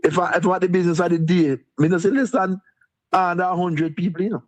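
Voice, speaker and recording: High-voiced Jamaican deputy mayor. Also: male voice, fairly even intonation, quick pace. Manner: repetitive, rambling, chuckles nervously. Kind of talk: interviewed on a live stream.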